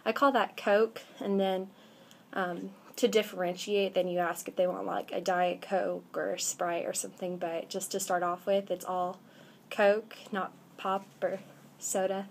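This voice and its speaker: Speaking a little slowly with a creaky, flat, medium-pitched voice, this twenty-something vlogger from the American Midwest chats casually and says um a lot. She sits indoors near a window with her webcam at arm's length, and there's slight background noise.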